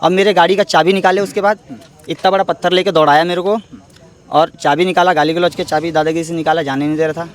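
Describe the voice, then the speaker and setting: A young man speaks quickly in a fairly high voice, pressing his side of a dispute. He answers a reporter's handheld mic outdoors in an emphatic, defensive way. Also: little pitch movement. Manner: defensive, emphatic, repeatedly says "sir". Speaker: interviewee, ITBP jawan and cricket coach. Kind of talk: street interview.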